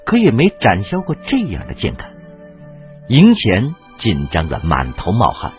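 A man narrating a historical war story in a dramatic audiobook style, speaking with animation. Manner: animated, swinging pitch for dramatic effect. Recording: tinny phone-like audio, faint music.

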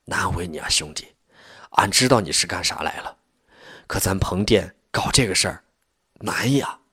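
A man voicing a poor peasant farmer who asks earnest, wary questions, with a husky voice. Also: sits low, animated, moderate pace, pushed and bright, no echo, clean studio sound, exaggerated voice. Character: poor middle-aged peasant man, wary but warm.

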